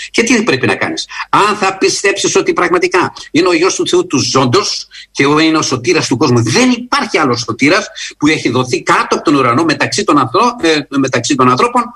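A man preaching a sermon in an earnest, emphatic way, often rising in pitch and slowing for stress. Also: slightly rough. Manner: earnest, emphatic, with lively rises in pitch and slow stressed phrases.

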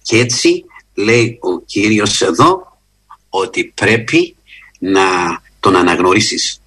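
A man preaching a sermon in an earnest, emphatic way, often rising in pitch and slowing for stress. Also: husky. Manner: earnest, emphatic, with lively rises in pitch and slow stressed phrases.

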